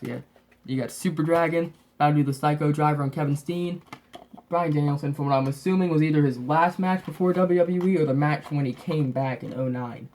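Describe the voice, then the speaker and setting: A man's voice: a little high, brisk, a little mellow. A man with a lisp from braces and a slightly sick, sniffly voice, chatting casually and ramblingly as he shows off his collection as a host. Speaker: host of a wrestling DVD collection update. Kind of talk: casual, rambling show-and-tell chat.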